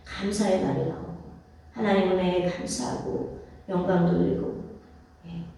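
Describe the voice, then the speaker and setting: A woman's voice: fairly low pitch, fairly even intonation, a little slow, mellow, recorded from a distance. A woman pastor preaching a sermon, repeating phrases, asking rhetorical questions and calling for amens from the congregation. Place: church sanctuary. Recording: very echoey church hall, voice from off-mic.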